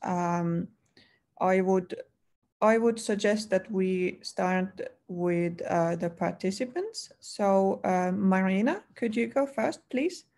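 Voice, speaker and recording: Woman, panel moderator on a video call; unhurried, creaky, halting delivery. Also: mid-range voice, a little mellow. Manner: halting, many fillers. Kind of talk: hosting an online roundtable.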